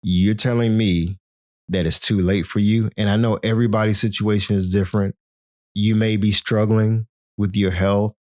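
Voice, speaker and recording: This is a man hosting a motivational health podcast, speaking in a fairly low voice. He keeps encouraging the listener and calls them his friend. The sound is close and dry, with no room echo. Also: a little mellow. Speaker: podcast host.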